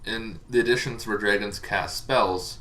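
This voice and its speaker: Speaking with a lowish, steady, sharp-toned voice at an unhurried pace, a man acting as dungeon master gives an off-the-cuff explainer on tabletop monster lore. His talk rambles loosely and hesitates, and faint background noise can be heard.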